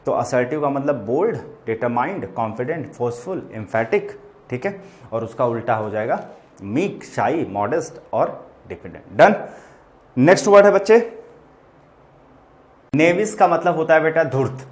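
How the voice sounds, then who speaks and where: A man's voice: medium pitch, big pitch swings, normal speed, long pauses, a little mellow. A man teaching English vocabulary in a chatty, repetitive way, calling his students "beta" and "bachche" as he goes through synonyms and opposites. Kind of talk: explaining English words in Hindi to students.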